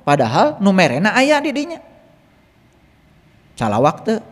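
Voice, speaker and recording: A man teaching a religious lesson in sermon style, firing rhetorical questions at his listeners and reciting Arabic verses slowly and drawn out. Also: high-pitched. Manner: lively, fires rhetorical questions at the audience. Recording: long reverb, hall-like room.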